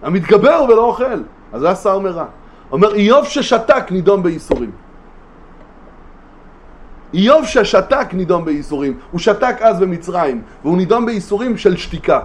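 A man giving a religious study lesson, animated, with emphatic rhetorical questions and frequent restarts. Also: high-pitched. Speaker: Torah teacher.

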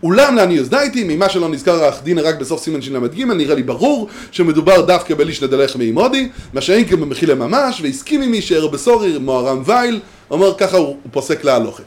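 Animated man teaching Talmudic law. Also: on the high side, hardly any pauses. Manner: animated, chanting quoted texts. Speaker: Torah teacher. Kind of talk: Talmudic lecture.

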